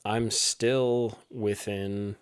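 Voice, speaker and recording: Mid-twenties man, relaxed podcast co-host, very deep voice, easygoing replies. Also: drawn-out words, clean tone. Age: 20s. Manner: laid-back, short agreeing replies. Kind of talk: casual chat.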